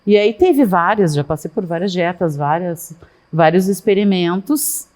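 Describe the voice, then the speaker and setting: A middle-aged woman, a guest in a casual interview, talking at length and in an animated way with many asides. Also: lowish voice, measured pace. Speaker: guest, fashion consultant.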